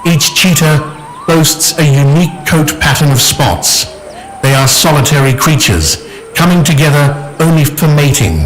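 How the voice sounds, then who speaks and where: A man reading scripted nature documentary narration in a measured, formal manner. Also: mid-range voice, rough recording. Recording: loud music under narration.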